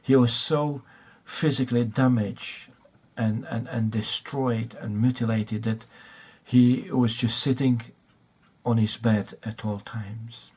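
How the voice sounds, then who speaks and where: A man's voice: medium pitch, steady tone, slow, a little mellow, breathy edge. A man preaching a sermon, hesitant, with many fillers and restarts.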